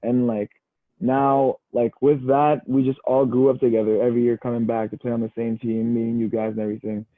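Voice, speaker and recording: Brisk and mid-range, a young Canadian man talks on a casual podcast where he is the guest. He plays football at university, stays relaxed and easygoing, and leans on "bro" and "you know," all over a dry, tinny phone-like line.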